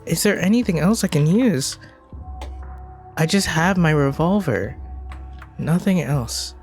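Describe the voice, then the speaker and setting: A woman's voice: sits low, animated, measured pace, a little mellow, faint music behind. A woman streaming a game, talking to herself anxiously and repeating her questions as she plays. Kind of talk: live gameplay commentary.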